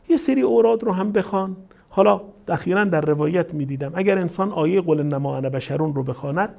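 A man's voice: a little high, gravelly. A male cleric delivering a sermon, telling a dream story and acting out the people in it. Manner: animated storytelling, voicing quoted people. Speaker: caravan cleric.

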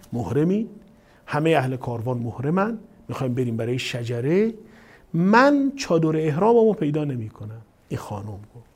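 A male cleric preaches to his listeners, telling a story and slipping into the voices of the people in it. His voice sits a little high but sounds mellow and dark. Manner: animated storytelling, voicing quoted people. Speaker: caravan cleric. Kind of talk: sermon with storytelling.

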